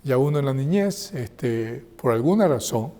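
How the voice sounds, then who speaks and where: A man presenting a health seminar in a conversational way, often checking in with the audience through quick tag questions. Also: medium pitch, expressive, warm tone. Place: seminar room. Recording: long hall reverb.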